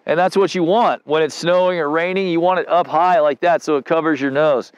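A man's voice: fairly high pitch, steady tone, brisk, clean tone, dry recording, muffled recording. A man in his forties doing a casual, rambling product review outdoors on a snowy slope, talking in a laid-back, slangy way into a lapel mic. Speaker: gear reviewer.

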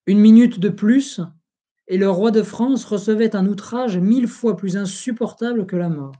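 An audiobook reader reading a history book aloud in a slow, solemn, even delivery. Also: medium pitch.

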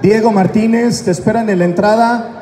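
A man's voice: sits high, fairly even intonation, normal speed. A man joking with a fan crowd on stage, laughing at his own jokes, through a handheld mic. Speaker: voice actor guest at a fan convention. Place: large indoor convention hall with a crowd. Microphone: handheld mic, filmed from the audience. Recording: echoey hall with loud crowd noise.

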